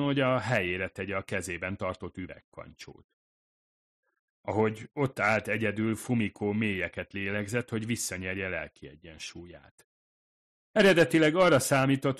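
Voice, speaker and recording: A man narrating an audiobook in a calm, even storytelling manner. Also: lowish voice. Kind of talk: scripted narration.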